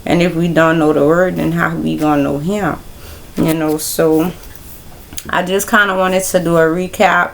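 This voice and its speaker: A woman hosting a casual Bible study livestream, talking in a relaxed, rambling way straight to her viewers. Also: sits low, moderate pace, vocal fry, a little hiss or hum. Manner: relaxed, rambling, speaks directly to viewers as y'all.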